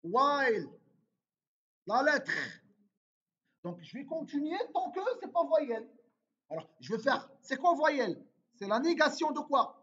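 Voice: high-pitched, very animated, a little slow, pauses often, fairly bright tone. A programming teacher walking through an exercise, thinking aloud and asking and answering their own questions in an informal, repetitive way. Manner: informal, repeats words while typing. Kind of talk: screen-recorded coding lesson. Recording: dull lo-fi recording.

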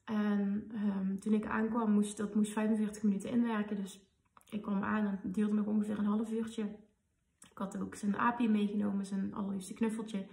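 Gravelly woman telling a personal story. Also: mid-range voice, moderate pace. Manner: emotional, animated retelling with quoted dialogue. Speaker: podcast host. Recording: roomy, slightly distant mic.

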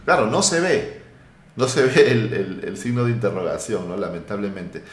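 Lively man teaching code live, roomy sound. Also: fairly low pitch, normal speed, slight background noise. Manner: lively, thinks aloud while typing code. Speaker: web development instructor. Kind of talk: live coding tutorial. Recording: roomy echo.

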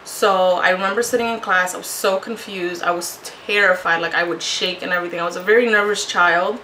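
A video blogger in her thirties, born in Puerto Rico and a native Spanish speaker who moved to Connecticut as a child, shares personal stories casually and candidly to the camera. Her low-ish voice is steady, fairly quick, pushed, and bright, recorded indoors in a small, echoey home room with faint background noise.

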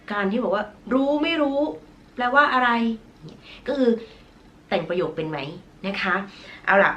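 A woman's voice: mid-range voice, a bit bright. A woman from Thailand with a nasal voice, teaching English verbs in a recorded online lesson, stretching out model pronunciations patiently. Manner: self-conscious about her nasal voice.

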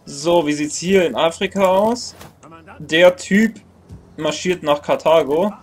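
Soft music plays behind a slow, slightly high male voice. It's a young let's-play gamer in his twenties at a computer in a small room, casually narrating his strategy game while he reasons aloud, gripes and corrects himself.

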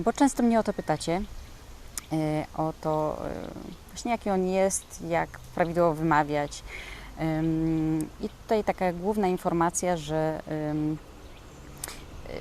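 A woman's voice: lowish voice, mellow, a little hiss or hum. A woman from Poland teaching a casual spoken language lesson, talking hesitantly with many filler sounds.

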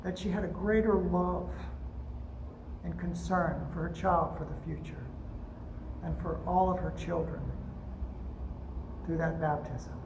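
An older man preaching a storytelling sermon from a pulpit microphone in a church sanctuary, unhurried and gentle, with frequent pauses. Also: fairly high pitch, steady tone, gravelly, background noise. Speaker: pastor. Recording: echoey sanctuary with faint ambience.

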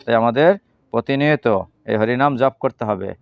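A man's voice: medium pitch, smooth, no echo. Male religious teacher, question and answer. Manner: asks the class questions and answers them himself; leads slow chanting. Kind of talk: Gita lecture to a class.

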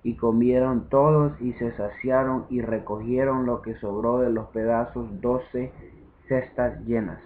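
Slow man reading scripture over a tinny line. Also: medium pitch, steady tone, a little hiss or hum. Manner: slow, measured reading with verse numbers. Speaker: scripture reader. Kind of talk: Bible chapter reading. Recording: tinny phone-like sound.

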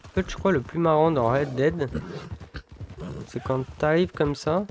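A man with a slightly high voice chats casually with a friend as he plays. It is relaxed gameplay commentary, with faint noise, horse sounds and clicks behind him. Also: measured pace. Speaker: gaming video co-host.

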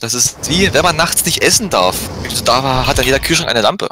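A man's voice: mid-range voice, lively intonation, a little fast. A young man in casual chat with gaming friends, telling jokes. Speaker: friend in an online game group. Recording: loud music behind the voice.

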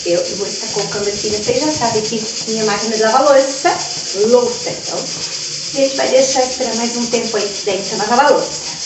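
A woman's voice: a little high, brisk. A woman in her forties chatting casually through a home cooking vlog, recorded by a camera across her kitchen. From Brazil. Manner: chatty, keeps saying "gente" and "ó". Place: home kitchen with tiled walls. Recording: echoey kitchen with cooking noise.

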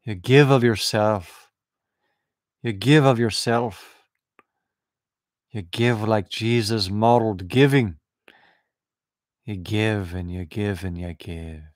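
A man's voice: on the low side, no echo, studio quality. A man giving a meditative spiritual talk, repeating short affirming phrases over and over. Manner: slow, repetitive, affirming phrases. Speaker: spiritual teacher.

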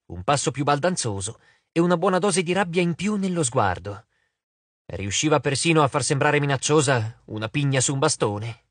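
Lively male audiobook narrator. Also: a little high, no room sound. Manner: expressive storytelling.

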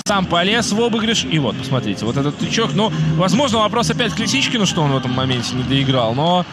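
A man's voice: fairly high pitch, sing-song, fast talker, over loud music. A man doing live play-by-play commentary on an ice hockey game.

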